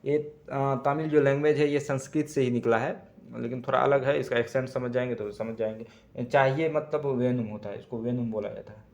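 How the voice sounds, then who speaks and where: A man teaching basic words in a casual spoken lesson, halting and correcting himself, repeating each word slowly. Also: mid-range voice, steady tone, darkish tone. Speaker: language teacher. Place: Tamil-speaking region.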